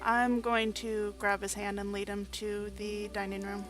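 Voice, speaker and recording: A woman playing her cleric at a tabletop game, playful and quick to laugh. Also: medium pitch, completely flat delivery, music in the background. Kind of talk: casual tabletop game play.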